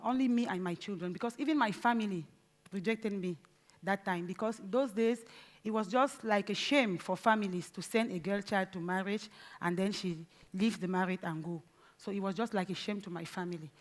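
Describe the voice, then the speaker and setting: A woman from Cameroon, in her forties, delivers a conference speech from the stage in a mid-range voice. Her Cameroonian accent comes through as she speaks in an earnest, deliberate way, stopping partway through phrases.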